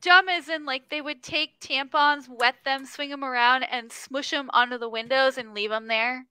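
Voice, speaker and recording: A woman in her thirties, a podcast co-host in casual chat, telling stories with lots of laughter and excitement. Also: high voice, normal speed, smooth, no room sound. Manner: laughing, excitable, lively storyteller. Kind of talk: casual chat, animated storytelling.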